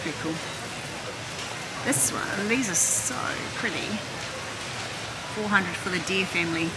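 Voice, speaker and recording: A woman's voice: mid-range voice, a little slow. Chatty woman in a noisy store. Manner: chatty, thinking aloud while browsing. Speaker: vlogger. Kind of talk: chatty shopping vlog. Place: busy warehouse store. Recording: loud store noise behind.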